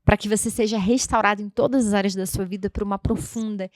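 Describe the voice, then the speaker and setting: A woman's voice: mid-range voice, fairly even intonation, fast, no echo, studio quality. A woman in her thirties hosting a devotional podcast, speaking in an emphatic, chatty way straight to her listeners. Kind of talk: casual devotional podcast talk.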